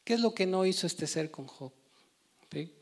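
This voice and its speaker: Male preacher, emphatic sermon delivery, voice on the higher side. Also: animated, normal speed, a little mellow. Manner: emphatic with frequent rhetorical "¿sí?" and "hermanos". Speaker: church preacher.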